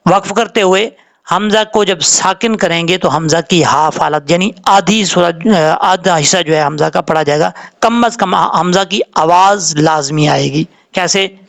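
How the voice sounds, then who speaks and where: A man teaching Quran recitation rules, explaining calmly and drawing out the words he demonstrates. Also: high voice, gravelly. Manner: explains slowly, drawing out Arabic words when showing them. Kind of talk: tajweed lesson with slow demonstrations.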